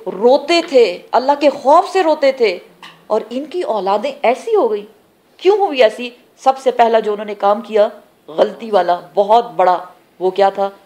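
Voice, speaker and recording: A woman's voice: medium pitch, darkish tone. A woman teaching a religious class, explaining scripture phrase by phrase and asking the class questions that she then answers herself. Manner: explains terms word by word, pausing between phrases. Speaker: Quran teacher.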